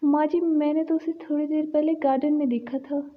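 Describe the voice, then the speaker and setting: A dutiful elder daughter-in-law from a cartoon story, voiced by a woman, plain and polite. Her voice is high. The sound is thin and phone-like. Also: little pitch movement, moderate pace, slight background noise, lightly acted.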